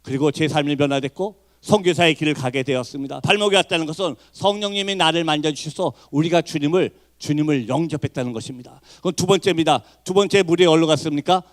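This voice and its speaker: A middle-aged male missionary preaches a sermon with a high-pitched voice. He moves from hushed, intimate passages to fervent shouts. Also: fast, few pauses. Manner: impassioned, swings from hushed to shouting.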